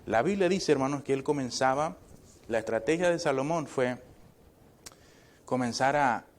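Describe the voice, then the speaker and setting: A male pastor delivers a sermon in a chatty, back-and-forth way, constantly tossing short questions to his listeners. His voice sits at an ordinary middle pitch. Joking asides come through now and then. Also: lively intonation, moderate pace. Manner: conversational preaching, constant checking questions to the congregation. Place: church.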